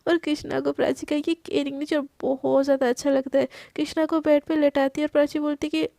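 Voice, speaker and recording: A chatty woman storyteller narrating casually. Her voice is high yet dark and mellow, recorded close in a dry space. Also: flat delivery, brisk, creaky, no room sound. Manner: chatty, retelling with fillers.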